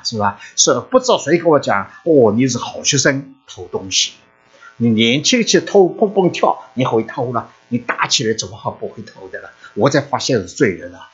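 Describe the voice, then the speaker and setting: An older man from China, telling his personal faith story to a church congregation in an animated storytelling way. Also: slightly rough. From China, Shanghai and Zhoushan. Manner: animated storytelling, lively swings in pitch and loudness. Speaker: church member giving testimony. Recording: muffled lo-fi recording.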